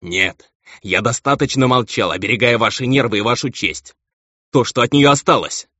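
A man's voice: mid-range voice, moderate pace, bright, forceful tone, dry recording, voice pushed up. A man voicing a pompous, contemptuous baron and cruel husband, on a dull, lo-fi recording.

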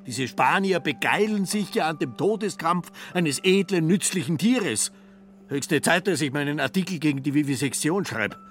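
A man's voice: fairly low pitch, lively intonation, normal speed, soft background music. An actor playing a pompous, moralizing male journalist in a radio play, with a lecturing manner. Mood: indignant. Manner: indignant, lecturing.

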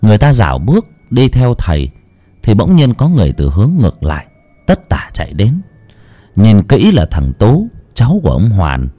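A man tells a folk ghost story with dramatic storytelling flair. His lowish voice rises and falls in lively swings. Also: normal speed.

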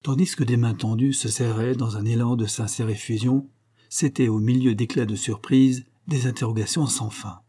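Brief: male narrator for a classic novel, dark mellow tone, measured and steady. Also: medium pitch, husky. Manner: steady, measured literary reading. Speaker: audiobook narrator. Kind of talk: scripted narration.

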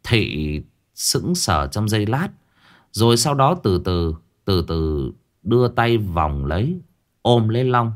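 A man narrating a horror story in a dramatic, scripted telling. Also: on the low side. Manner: dramatic, lively delivery with drawn-out phrasing.

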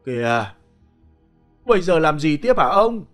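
Man playing ruined husband, panicked, cursing, rough, high and lively, spoken ghost story. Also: a little slow, faint music behind. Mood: frantic. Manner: rough, profane, agitated outbursts.

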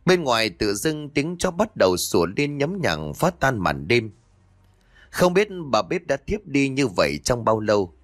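A man telling a ghost story, building suspense with a dramatic delivery and a pitch that rises and falls freely. The sound is dry and close to a studio mic. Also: fairly bright tone, dry recording.

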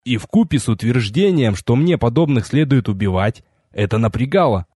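Expressive husky male audiobook narrator. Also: mid-range voice, normal speed, dry recording, studio quality. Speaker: audiobook reader. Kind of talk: first-person audiobook narration.

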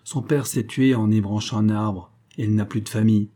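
A man voicing an aging, gruff country gentleman who hunts, speaking brusquely and commandingly. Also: lowish voice, steady tone, fairly quick, close to an everyday voice. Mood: explaining.

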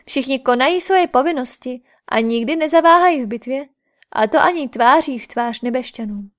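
A woman reading an audiobook, voicing an angry, scornful princess who shouts her threats. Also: high voice, lightly acted. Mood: furious. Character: furious proud young princess Draupadi.

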